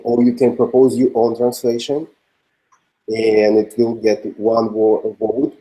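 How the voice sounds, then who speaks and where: A man with a Russian accent presenting a feature at an online developer meeting, halting and full of fillers. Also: on the low side, dark tone, rough recording. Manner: halting, many fillers and restarts. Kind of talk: casual meeting talk.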